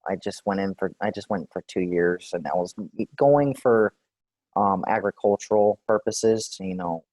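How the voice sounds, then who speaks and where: A man in his forties from Texas, answering questions in a clinical interview in a relaxed, hesitant way with many fillers. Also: low voice, normal speed, no echo. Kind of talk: role-play clinical interview.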